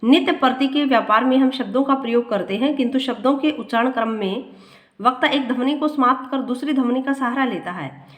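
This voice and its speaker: A woman teaching a grammar lesson. She reads from her notes and often repeats a line slowly to explain it. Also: high voice. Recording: echoey room.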